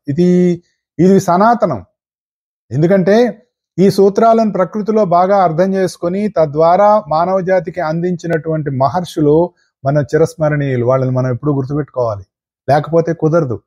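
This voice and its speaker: A spiritual teacher giving a discourse in an earnest, repetitive way, with rhetorical questions. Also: male voice, a little high, mellow, lo-fi sound.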